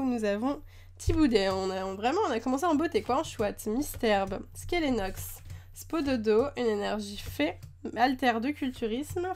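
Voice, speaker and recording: A woman's voice: on the high side, darkish tone, a little hiss or hum. A woman chatting casually at her desk as she unboxes trading cards, gushing over the cute ones. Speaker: card-opening YouTuber. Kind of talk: casual chat while unboxing.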